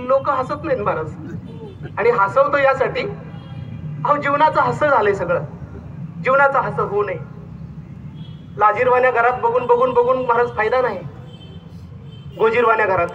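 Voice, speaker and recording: A man's voice: extremely high pitch, fairly bright tone. A man giving a sermon at a devotional gathering, telling humorous anecdotes and repeating phrases for comic effect, impassioned and exhorting. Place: gathering hall with a stage. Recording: distant muffled hall recording, faint noise.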